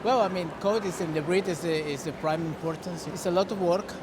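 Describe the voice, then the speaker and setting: A man's voice: sits high, a little fast, background noise. A man from Costa Rica, a longtime dog breeder, giving earnest interview answers outdoors and often restarting words.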